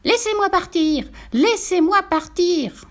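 A woman's voice: expressive, measured pace, a little mellow. A woman voicing a small, crafty piglet who squeals, sighs and pleads sweetly. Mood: pleading. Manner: high sighing pleading voice.

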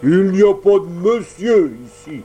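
A man voicing a gruff, bearded male puppet-show boss who booms his words and breaks into sneezing fits in a storybook reading. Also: takes it slowly, noisy background.

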